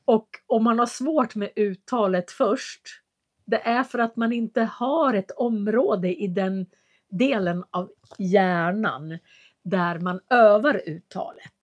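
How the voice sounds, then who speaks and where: During a live lesson, a Swedish teacher answers her viewers in a medium-pitched voice. She speaks clearly, articulating with care and explaining things patiently.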